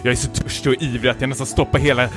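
Over music, a podcast co-host with a mid-range voice and flat delivery reads his own humorous fan fiction. He keeps it playful and frequently laughs mid-reading.

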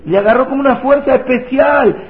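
A man's voice: very high voice, fairly quick. A man with a Rioplatense Spanish accent, a rabbi telling a sermon story in an emotional, sing-song, repetitive way. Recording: echoey, tinny phone-like audio.

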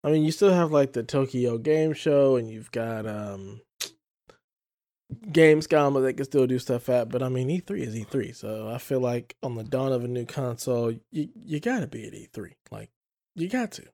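Man, podcast host, casual chat, mid-pitched, upbeat. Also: lively intonation, normal speed, mellow.

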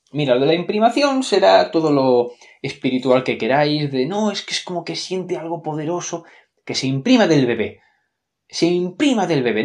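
Sarcastic Spanish-accented man reviewing films. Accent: Spain Spanish. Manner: sarcastic and expressive, swears freely, with big swings in pitch. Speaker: film reviewer. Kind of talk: casual opinionated commentary.

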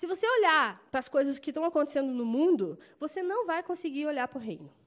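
A young Brazilian woman with a Brazilian Portuguese accent giving a casual, chatty church testimony and acting out loud quotes. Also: high-pitched, quick pace. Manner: chatty, animated storytelling with loud acted quotes.

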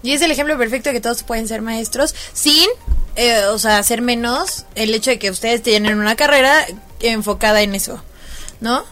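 A woman with a Mexican accent leads a relaxed conversation, her voice sitting high and bright. She asks questions in a lively, friendly way, with faint music playing behind her. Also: moderate pace. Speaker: host. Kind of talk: casual podcast chat.

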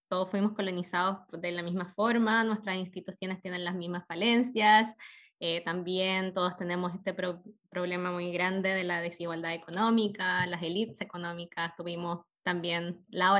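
A woman's voice: medium pitch, a bit bright. Young Chilean woman, radio interview guest, thoughtful delivery with many fillers. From northern Chile. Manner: thoughtful, with frequent fillers and self-corrections. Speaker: podcast host interviewed as guest.

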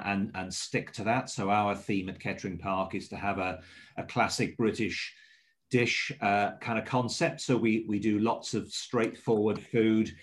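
A middle-aged man from Swansea in South Wales, with a mild South Welsh accent and a fairly low pitch, is interviewed as a hotel manager. His answers are measured and explanatory.

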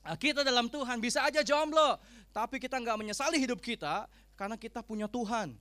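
A man preaching a sermon, humorous and animated, acting out what people say. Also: very high-pitched, fast. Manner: humorous, animated, acts out quoted speech. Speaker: pastor.

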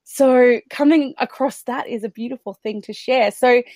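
A woman's voice: a little high, moderate pace, darkish tone, no echo. A woman hosting a podcast interview, talking in an effusive, enthusiastic way. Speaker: podcast host. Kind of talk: conversational interview.

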